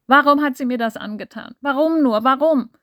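A woman voicing a melodramatic, grief-stricken man who exclaims and rants theatrically in a high, loud voice in an audiobook. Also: moderate pace, no echo, clean studio sound, close to an everyday voice. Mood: wailing grief. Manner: exclaiming, sobbing, ranting.

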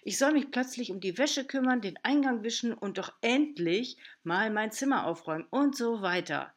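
A woman's voice: lowish voice, normal speed, natural voice. A woman voicing an indignant teenage girl. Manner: complaining, defensive. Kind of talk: audiobook character voice.

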